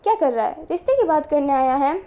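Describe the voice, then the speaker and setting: A woman's voice: high-pitched, expressive, fairly quick, warm tone. A woman voicing a bold, stubborn but loving mother in a storytelling reading, speaking emphatically and coaxingly. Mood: defiant.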